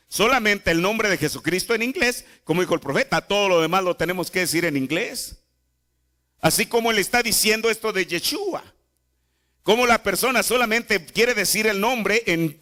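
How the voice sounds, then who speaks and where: A man's voice: high-pitched, pushed and bright. A man preaching a sermon in a church, repeating phrases and asking the congregation rhetorical questions. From Mexico. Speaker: pastor.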